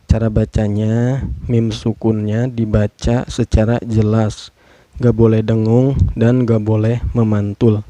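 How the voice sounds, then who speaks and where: Slow, dark-voiced man teaching. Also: lowish voice, little pitch movement, no echo. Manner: patient, spells out each rule, ends points with a tag "ya". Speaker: Quran recitation teacher. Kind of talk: tajwid lesson with slow demonstrative recitation.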